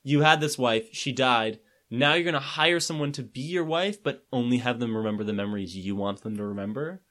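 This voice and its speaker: A man's voice: mid-range voice, a little fast, fairly bright tone. Male co-host, easygoing comic chat, curses casually. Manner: laid-back, swears, acts out quotes. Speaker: podcast co-host.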